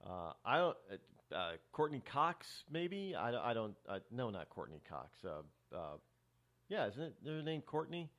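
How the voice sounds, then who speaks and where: A man's voice: mid-range voice, very animated, measured pace, a bit bright. A middle-aged man hosting a talk show, rambling through a casual monologue with many restarts and fillers.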